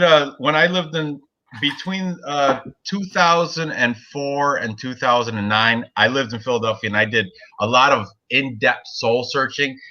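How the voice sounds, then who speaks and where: Rambling with plenty of fillers and frequent laughs, a podcast host in his forties chats about sports betting. His mid-range voice sounds pushed and bright, though the audio is dull.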